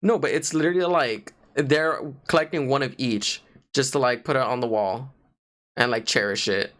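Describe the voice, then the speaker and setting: A young man co-hosting a laid-back podcast, rambling through his points with a steady stream of filler words. His pitch sits in an ordinary middle range. He sounds relaxed and informal, as if chatting with a friend. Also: normal speed. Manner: rambling, lots of "like" fillers, animated. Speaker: podcast co-host. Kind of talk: casual chat.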